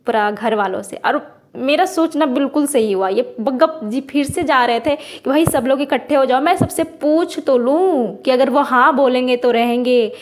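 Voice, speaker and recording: Female show reviewer, high voice, indignant ranting delivery. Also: moderate pace. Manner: indignant, ranting, mixes English words. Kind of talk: casual video commentary.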